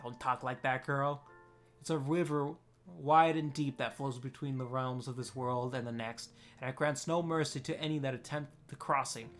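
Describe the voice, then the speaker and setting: A man's voice: mid-range voice, fairly even intonation, normal speed, soft background music, lightly acted. A man voicing a tiny, vulgar, fierce old grandmother with a coarse, snarling way of talking. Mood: stern, tender. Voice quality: coarse, snarling, rural grammar.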